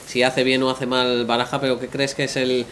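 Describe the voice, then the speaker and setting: A man with a flat, even tone asks rambling questions, leaning on fillers and tag questions. He is recorded in a restaurant dining room with faint room noise behind him. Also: mid-range voice, fairly quick. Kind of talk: casual panel discussion.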